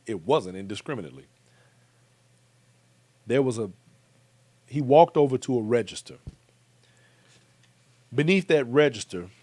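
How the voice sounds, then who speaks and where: A man's voice: mid-range voice, darkish tone, no echo. A man with an American accent hosting a commentary show, talking emphatically and speaking straight to his viewers. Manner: emphatic, direct address to viewers.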